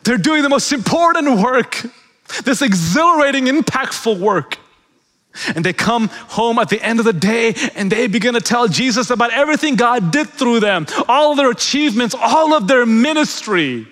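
A man preaching a sermon as pastor, swinging between loud, emphatic peaks and hushed, quiet passages. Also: very high voice, animated, moderate pace. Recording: long reverb of a large hall.

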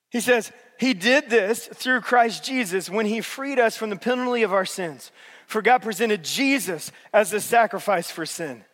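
A male pastor preaching a sermon, swinging between loud emphatic peaks and soft, low passages. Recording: long hall reverb.

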